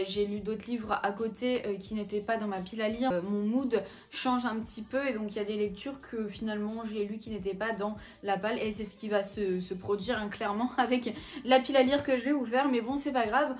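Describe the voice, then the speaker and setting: A young woman with a French accent, chatting casually at home about the books she plans to read, with many fillers and self-corrections. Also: fairly high pitch. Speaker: book vlogger. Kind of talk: casual chat. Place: at home in front of her bookshelves.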